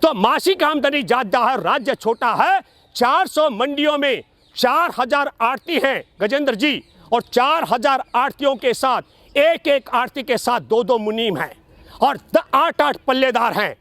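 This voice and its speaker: A man's voice: extremely high pitch, lively intonation, measured pace, fairly bright tone, no echo. A man delivering emphatic, argumentative political commentary in an oratorical way, building his case point by point and repeating phrases for stress. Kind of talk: political commentary speech addressed to an interviewer.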